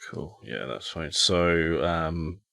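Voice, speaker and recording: A man's voice: extremely low pitch, animated, takes it slowly, gravelly, bright, forceful tone, no echo, studio quality. A man running a tabletop game as game master, easygoing and thinking aloud.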